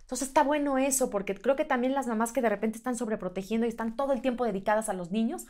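A woman talking on a podcast in a fairly high voice. She tells her stories with animation and slips into the voices of the people she quotes. The talk is loose and casual. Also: fast, darkish tone. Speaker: podcast guest. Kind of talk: casual chat.

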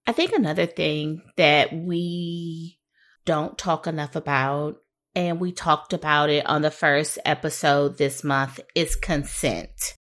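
A woman hosting a podcast, interviewing in a measured, affirming way, and she is a parent. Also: low voice, fairly even intonation, fairly bright tone. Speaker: podcast host. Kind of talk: interviewing, casual talk.

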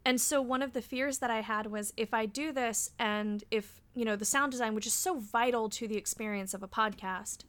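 A woman in her thirties, a podcast guest in casual chat, animated, laughing often and swearing freely. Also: a little high, moderate pace, few pauses. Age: 30s.

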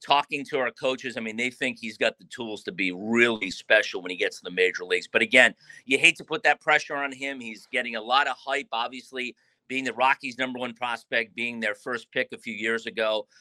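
A man talks through an interview in a loose, rambling manner, circling back and restarting his sentences. His voice is very bright and forward, and the sound is dry and close. He speaks as a baseball manager discussing his players. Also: mid-range voice, brisk, dry recording. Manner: relaxed, rambling, with frequent restarts and fillers. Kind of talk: interview answers.

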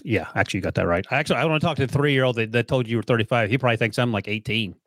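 This sports podcast co-host, a man in his forties, fires off casual banter at rapid speed with a dry, sarcastic wit. His medium-pitched voice has a fairly bright tone, recorded dry.

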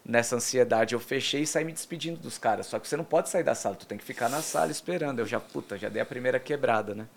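A former footballer on a talk show, rattling off anecdotes at a fast clip. His voice sits at a medium pitch for a man, and his speech is loose and colloquial, with casual swearing. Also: creaky. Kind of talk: casual interview chat.

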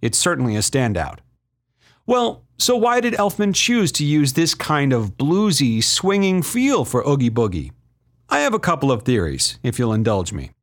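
A man's voice: medium pitch, wildly swooping pitch, moderate pace. A man hosting a film music show, giving enthusiastic scripted analysis in a chatty, emphatic, appreciative way.

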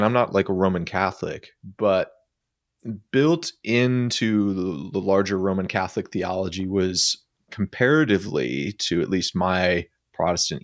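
A man talking through ideas in a relaxed, thoughtful way, using frequent fillers. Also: deep voice, dry recording, studio quality. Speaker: podcast guest. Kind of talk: casual conversational discussion.

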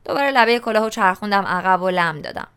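A woman reads a novel aloud in the first person, telling it in a relaxed, colloquial way. Her voice is smooth and clear, with a pitch that is neither high nor low. The delivery stays conversational, like someone telling the story to a friend. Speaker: audiobook narrator.

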